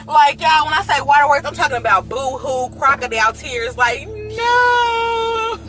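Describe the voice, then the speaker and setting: A young woman telling a story casually to her viewers, animated and laughing, calling them y'all. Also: high voice, fairly quick, soft background music. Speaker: channel host telling her birth story.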